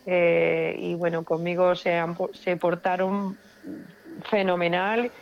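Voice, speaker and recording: Expressive Spanish woman telling a story. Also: fairly low pitch, slow pace, vocal fry, dull audio, a little hiss or hum. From Spain. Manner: expressive, repeats words for emphasis. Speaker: paranormal investigator guest. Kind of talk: emotional personal storytelling.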